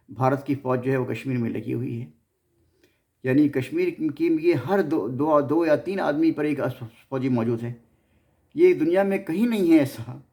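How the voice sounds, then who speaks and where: A man's fairly high voice with vocal fry and a darkish tone carries this informal history narration. He hosts the series with a Pakistani accent, frequently stumbling and repeating words.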